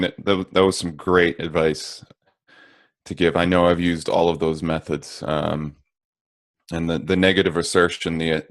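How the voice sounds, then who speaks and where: A man with a very low voice thinks aloud in a relaxed interview, circling back and restarting as he works out his ideas. The sound is dry and close. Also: no echo. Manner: reflective, with many restarts and fillers. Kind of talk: casual interview chat.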